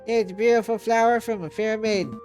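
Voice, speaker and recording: A man's voice: sits high, steady tone, brisk, a little mellow, soft background music, pitched above the performer's own voice, natural voice. A man voicing a pompous male falcon defense attorney in a game, talking down to his partner. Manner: pompous, condescending.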